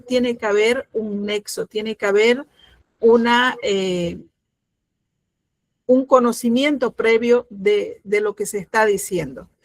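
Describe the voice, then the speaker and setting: A middle-aged woman teaching a grammar lesson, explaining patiently, often pausing with fillers and checking that students follow. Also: on the high side, dry recording.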